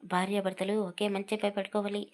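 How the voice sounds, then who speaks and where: A woman voicing a young husband who talks to his wife in a gently teasing, amused way. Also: medium pitch, little pitch movement, brisk, natural voice.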